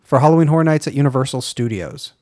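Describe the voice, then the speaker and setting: A man's voice: mid-range voice, fast, darkish tone, no room sound, clean studio sound. A man co-hosting a podcast, rambling in casual chat and trailing off with "blah, blah.". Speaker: podcast co-host.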